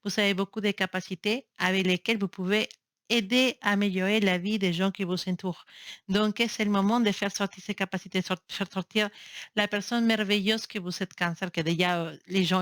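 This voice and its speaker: This woman's mid-range voice has a fairly bright tone, captured cleanly with no echo and at studio quality through a built-in camera mic. She reads tarot to camera in a relaxed, affectionate, encouraging style. Because French isn't her native language, she keeps halting to find words and restarting her sentences.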